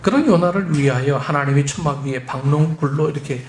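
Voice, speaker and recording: A male pastor preaches emphatically, questioning his congregation often. His voice sits a little high for a man. The sermon rings with the roomy echo of a church. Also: fairly quick, darkish tone, a little hiss or hum.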